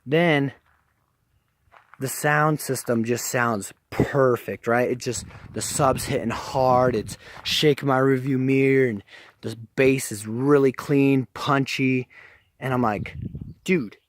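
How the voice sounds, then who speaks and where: A young man casually telling a rambling story, animated and full of "I'm like" and "right?". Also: mid-range voice, slow pace. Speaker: vlogger.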